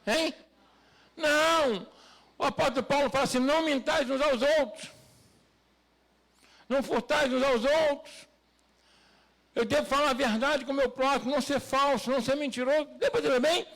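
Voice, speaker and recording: Male preacher, very high and raspy-edged, emphatic sermon delivery. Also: fairly even intonation, moderate pace, long pauses, a bit bright. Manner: preaching with rhetorical questions to the congregation; rising to emphatic, raised delivery. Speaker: pastor.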